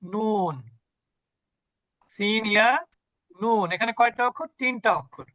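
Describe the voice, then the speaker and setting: Male recitation teacher, high and bright, unhurried, answers his own questions, dull dry call audio. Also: no room sound. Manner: asks questions and answers them himself, slow and deliberate. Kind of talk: online tajweed lesson. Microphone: video call.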